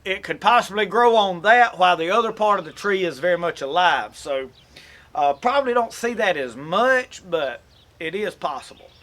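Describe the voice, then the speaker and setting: A man's voice: high-pitched, animated, moderate pace, pushed and bright. A man from Mississippi with a Southern accent, giving a folksy, rambling how-to talk as host of an outdoors channel. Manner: folksy and rambling, with self-corrections. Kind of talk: casual how-to explanation.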